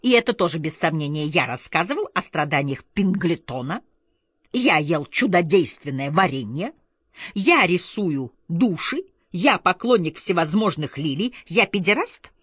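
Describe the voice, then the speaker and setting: A woman's voice: on the low side, big pitch swings, unhurried, breathy edge, no echo, exaggerated voice. A woman voicing a cynical, weary society man. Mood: sarcastic. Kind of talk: audiobook character reading.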